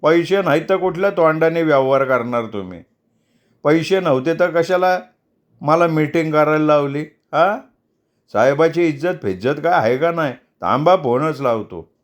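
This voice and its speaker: A man's voice: fairly high pitch, lively intonation, normal speed, voice pushed up, close to an everyday voice. A man voicing a pushy, greedy middle-aged fixer, bullying and scornful. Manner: bullying, scornful, self-important.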